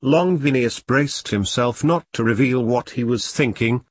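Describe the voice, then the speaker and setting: A man reading a historical novel aloud as a narrator, in a steady storytelling manner. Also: medium pitch, unhurried, breathy edge, dry recording, studio quality. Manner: steady storytelling read with dialogue. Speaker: audiobook narrator. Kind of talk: scripted narration.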